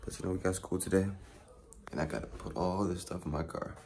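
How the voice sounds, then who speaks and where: A young American man with a fairly low voice talks casually into his phone. His delivery is slangy and offhand, peppered with bro and man. The handheld recording has clear background noise. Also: fairly even intonation, fairly quick, darkish tone. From Texas, United States. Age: young adult. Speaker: vlogger. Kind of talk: casual vlog chat. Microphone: phone at arm's length.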